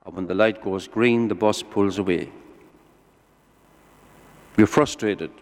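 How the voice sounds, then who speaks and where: A man's voice: lowish voice, fairly even intonation, takes it slowly. A man preaching a sermon like a lilting storyteller, putting rhetorical questions to his listeners and telling everyday examples. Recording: echoey hall with long reverb.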